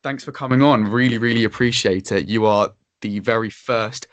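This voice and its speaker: Male host, casual podcast interview, upbeat and loose, low voice, dry mic. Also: normal speed, no echo. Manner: upbeat, laughs often, loose filler-heavy talk.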